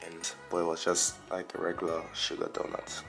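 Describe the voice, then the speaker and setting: A young adult vlogger rambles casually in a deep voice, stuffed up with a cold and sounding like they are pinching their nose. The tone is gravelly with fry. It is recorded in an echoey room. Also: completely flat delivery, fairly quick. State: bad head cold. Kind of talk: casual solo vlog chat. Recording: roomy echo with music behind.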